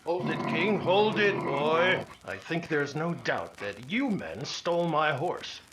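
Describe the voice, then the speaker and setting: Sergeant Preston, an actor's animated, commanding Mountie. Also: male voice, a little high, takes it slowly, heavy background noise. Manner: firm, formal, authoritative. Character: upright, fearless male Mountie sergeant, calm and commanding. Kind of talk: old-time radio adventure serial acting.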